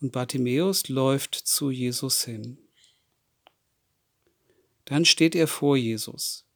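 Man reading a bible story to kids real slow, keeps asking them questions, dry close sound. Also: medium pitch, fairly bright tone, dry recording. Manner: asks the listening children questions. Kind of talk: storytelling for children.

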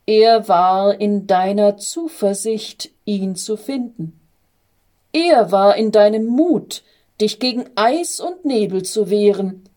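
A woman voicing a calm old wise angel. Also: mid-range voice, slow pace. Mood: gentle. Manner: calm, explaining.

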